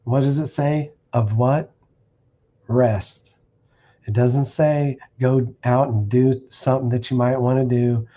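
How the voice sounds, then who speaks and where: A man's voice: medium pitch, fairly even intonation, slow, warm tone, lo-fi sound. A man preaching bluntly on a stream, warning listeners and reading verses aloud with restarts. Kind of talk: streamed scripture teaching. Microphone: streaming setup.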